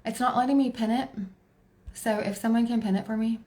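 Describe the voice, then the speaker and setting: A woman's voice: fairly high pitch, steady tone, fairly quick, a little mellow. A woman in her forties with a Texan accent, hosting a casual tarot livestream, chatty and laughing as she talks to her viewers and to herself. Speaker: tarot reader livestream host.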